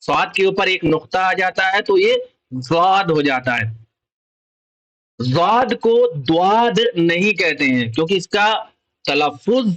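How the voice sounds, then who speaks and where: A man's voice: high voice, a bit bright, low-quality recording. A man with an Urdu accent teaching children the Arabic letters, explaining patiently and repeating each letter and its sound. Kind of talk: slow explanatory lesson.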